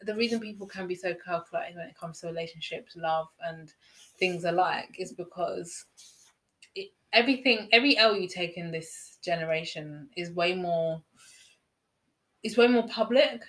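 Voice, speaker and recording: A woman in casual chat with her sister, relaxed and agreeable, thinking aloud with fillers. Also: fairly low pitch, normal speed. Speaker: co-host, sister.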